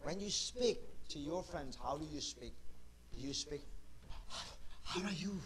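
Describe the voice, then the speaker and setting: A man's voice: on the high side, lively intonation, normal speed, a bit bright. A middle-aged man teaching children a Bible lesson as their pastor. He keeps asking questions and repeats them, coaxing the class to answer, in non-native English with a heavy accent.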